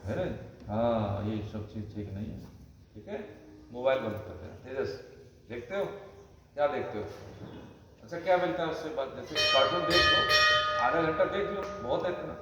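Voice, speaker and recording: A man's voice: mid-range voice, expressive, normal speed, pauses often, highs cut off. A man teaching a children's class in casual talk, chatty and often checking that they understand. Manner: chatty, asks frequent check-in questions. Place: temple hall. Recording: echoey hall, far from mic, noise.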